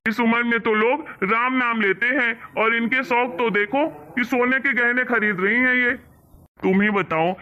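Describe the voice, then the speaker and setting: A grown son in a cartoon story, scolding and mocking his mother over money, as a man acts him out. His voice is high and bright with a tense edge, and the audio is dull and lo-fi. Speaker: cartoon character. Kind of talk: Hindi cartoon story voice acting.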